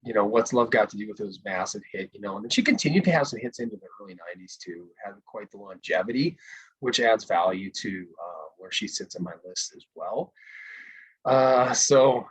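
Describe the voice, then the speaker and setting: A man co-hosting a casual podcast chat over a video call, animated and laughing often. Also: lowish voice, fairly quick, breathy edge, low-quality recording. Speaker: podcast co-host.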